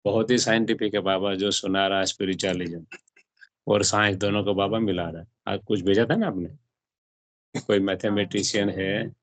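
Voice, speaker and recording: A deep male voice, with no room sound, belongs to a spiritual teacher explaining a religious text to a small class. He regularly asks his listeners questions and mixes English words into what he says.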